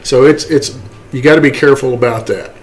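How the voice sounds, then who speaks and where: In a relaxed, step-by-step software tutorial, a man explains each stage and keeps checking in with short tag words. His voice sits at a medium pitch and he moves briskly.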